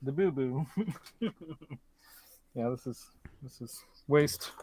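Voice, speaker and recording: A man's voice: mid-range voice, slow pace, darkish tone, no room sound. Joking man working at his bench. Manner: jokey, laughs often, thinks aloud. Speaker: host. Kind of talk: casual chat while working on a guitar. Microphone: desk mic close by.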